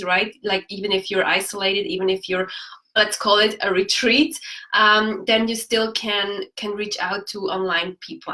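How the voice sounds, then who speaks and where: Bright-voiced woman, bubbly chat. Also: mid-range voice. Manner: bubbly, laughs often, searches for English words. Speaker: coaching show host. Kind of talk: casual livestream chat. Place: room at home.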